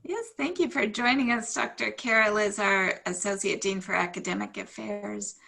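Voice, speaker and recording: A woman's voice: mid-range voice, normal speed, vocal fry, pushed and bright. A woman chairing an online meeting over a video call and calling on members one by one in a friendly way. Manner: friendly, calls on people in turn.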